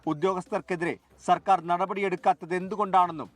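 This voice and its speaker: High-voiced male news reporter. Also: steady tone, fast talker, dry recording. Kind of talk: scripted news voice-over.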